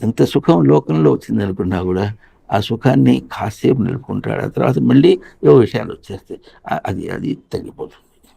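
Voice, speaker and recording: A man teaches in a spiritual discourse, his voice deeply gravelly and dark in tone. He draws song lines out slowly in a chant and keeps asking his listeners rhetorical questions. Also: lively intonation.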